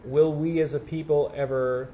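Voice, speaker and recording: A man's voice: a little high, fairly even intonation, normal speed, dark tone, a little hiss or hum. Hesitant man asking polite questions. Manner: hesitant, tentative. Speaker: audience questioner at a channeling session.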